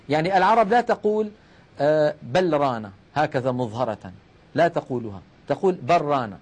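A man's voice: sits high, darkish tone. A middle-aged man teaching the rules of Quranic recitation, explaining step by step, posing questions and answering them himself. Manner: addresses listeners as brothers. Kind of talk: religious lesson on Quranic recitation.

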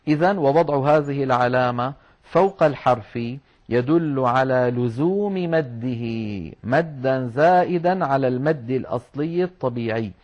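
A man teaching Quran recitation rules, explaining patiently and slowing down to demonstrate words. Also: medium pitch, a little mellow. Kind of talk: religious lesson on Quran script and recitation. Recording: dull lo-fi recording.

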